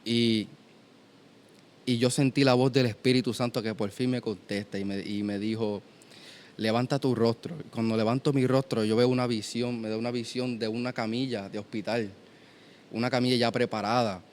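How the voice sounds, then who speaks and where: A man in his twenties giving an earnest, halting testimony in a conversation. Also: medium pitch, steady tone, darkish tone. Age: 20s. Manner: earnest, storytelling with many restarts. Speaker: guest.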